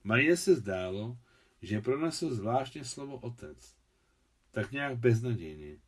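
A man reading a novel aloud as an audiobook narrator, in a measured, steady storytelling manner. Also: mid-range voice, slightly rough. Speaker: audiobook reader, translator.

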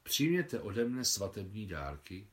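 Male reader doing a kindly veteran officer, hearty and brisk, lower voice. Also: very animated, a bit bright.

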